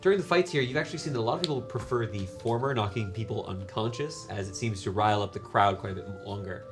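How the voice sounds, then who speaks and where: A man's voice: on the low side, fast talker, over music. A man running a tabletop game as game master, describing scenes at length and often restarting his phrases.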